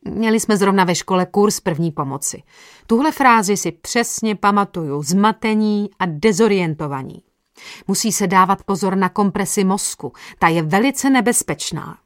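A woman's voice: mid-range voice, lively intonation, lightly acted. A woman doing a lecturing know-it-all classmate.

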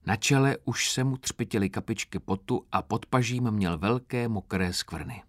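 Low-voiced man narrating a novel. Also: no room sound, studio quality. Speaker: audiobook narrator. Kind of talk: first-person literary narration.

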